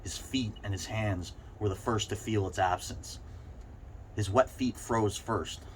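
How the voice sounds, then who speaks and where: A man's voice: lowish voice, unhurried. A man reading a short story aloud, stumbling slightly over words now and then. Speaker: reader. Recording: clearly noisy background ambience.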